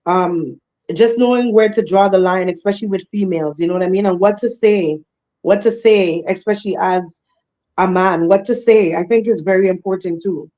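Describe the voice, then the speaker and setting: Woman, reggae singer guest, bold and animated, mid pitch, repeats herself for emphasis. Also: normal speed. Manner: bold, animated, laughs often, repeats phrases. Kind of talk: casual podcast interview.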